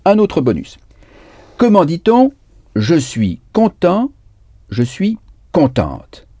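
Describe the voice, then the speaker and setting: A male language teacher leads a recorded lesson, repeating each word and spelling it out letter by letter. He talks very slowly, and his pitch leaps widely from low to high as he stresses words. His voice is mellow and dark, recorded dry and close. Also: wildly swooping pitch, no echo.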